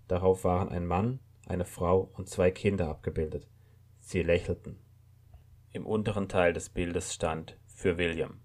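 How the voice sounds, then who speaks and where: A man narrating a short story in a calm, measured reading. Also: deep voice.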